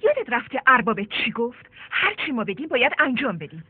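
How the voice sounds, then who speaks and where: An actress dubbing an impatient, sharp-tongued young woman visitor. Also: fairly high pitch, very animated, breathy edge, no room sound. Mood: snappy. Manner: impatient, snappy. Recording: tinny phone-like film dub with noise.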